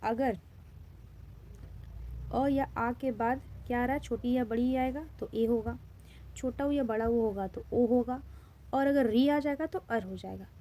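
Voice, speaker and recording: A woman's voice: on the high side, a little slow, pauses often, dark tone. A woman Hindi grammar teacher with an Indian accent, giving a classroom-style lesson in which she poses questions and then answers them, repeating key terms.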